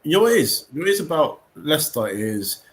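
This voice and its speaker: A man's voice: on the high side, sing-song, a little fast. A man on a football podcast over a remote call, giving opinions in long rambling explanations. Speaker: podcast co-host. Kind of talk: casual football chat.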